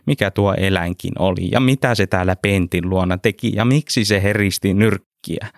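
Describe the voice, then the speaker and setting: A man reading a story aloud in a calm, measured narration style. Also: low-pitched, dry recording, studio quality.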